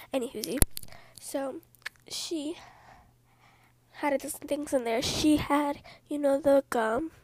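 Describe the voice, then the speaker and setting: Woman doing whispered storytelling, high voice, slow hushed whisper, chatty asides. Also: a little hiss or hum. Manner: soft whispering with rambling asides.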